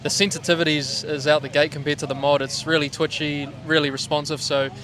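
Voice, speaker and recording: A man's voice: fairly high pitch, little pitch movement, a little fast, crowd noise. A man with a broad Kiwi accent chatting casually and in a laid-back, slangy way as a driver being interviewed. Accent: New Zealand. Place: outdoors at a speedway. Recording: outdoor trackside with vehicle noise.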